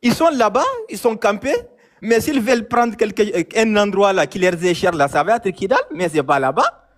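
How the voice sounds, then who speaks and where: A man's voice: sits high, lively intonation, normal speed. A man from Mali calling in, talking insistently with many hesitations and repetitions. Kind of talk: casual chat, phone-in debate.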